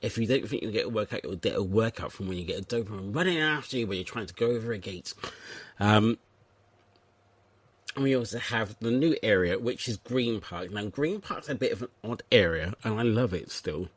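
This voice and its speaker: A man's voice: lowish voice, expressive, fairly quick, breathy edge, no echo. A man from England hosting a comedic podcast, chatting in a playful, rambling and self-mocking way. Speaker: podcast host. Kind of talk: comedic casual chat.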